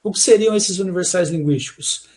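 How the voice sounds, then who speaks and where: A man from Brazil with a Brazilian Portuguese accent, giving an academic talk in an explanatory way and often ending points with a quick check-in question. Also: high voice, a little mellow. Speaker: lecturer.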